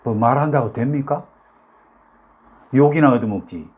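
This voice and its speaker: A mid-range, darkish, slightly rough voice at normal speed comes from an older YouTube talk host with a Gyeongsang Korean accent. Originally from North Gyeongsang, South Korea, he talks casually and ramblingly to viewers, using many fillers and rhetorical questions.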